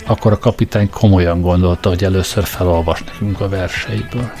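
A man's voice: lowish voice, expressive, loud music behind the voice. A man voicing a worldly, matter-of-fact adult space traveller who speaks offhandedly. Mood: grim.

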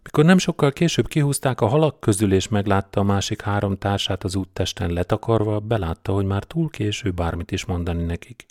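A man narrating an audiobook in a measured, deadpan storytelling manner. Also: fairly low pitch, dry recording, studio quality. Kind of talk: scripted narration.

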